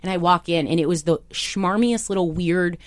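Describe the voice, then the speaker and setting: A woman chatting casually, telling a lively story and acting out the voices of the people in it. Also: on the low side, moderate pace, no echo. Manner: animated storytelling, acts out quoted voices. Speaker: TV show staffer turned on-air talent. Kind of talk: casual chat.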